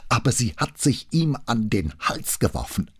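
A man's voice: mid-range voice, sing-song, normal speed, breathy edge, no room sound, studio quality, pitched above the performer's own voice. A man voicing a proud, agitated married woman who confesses in a pressed, indignant tone. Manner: pressed, indignant, self-righteous.

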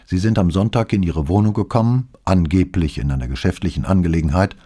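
A man voicing a calm middle-aged police detective who speaks in a measured, dryly understated way in an audiobook. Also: sits low, breathy edge. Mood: sober.

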